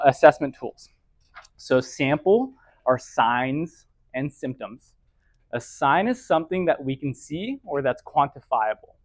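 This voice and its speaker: A young man teaching an EMT class in a casual, lively way, often acting out patient conversations. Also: a little high, dry recording. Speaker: EMT instructor. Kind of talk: classroom lecture.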